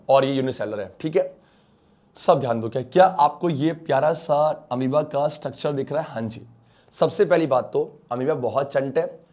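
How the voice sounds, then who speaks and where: A man's voice: mid-range voice, dark tone. An Indian man teaching an online science class, coaxing his students with questions and mixing English terms into his speech. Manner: coaxing, calls students beta and bachcha, mixes English terms; asks questions and answers for the students.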